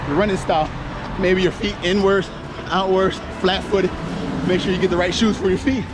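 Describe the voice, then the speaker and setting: A high-pitched American man in his forties, a running vlogger, talks at a moderate pace with fairly even intonation while jogging. His vlog chat is casual, laid-back, and a little rambling. Recorded outdoors on a handheld action camera, the clip has a noisy background with music behind.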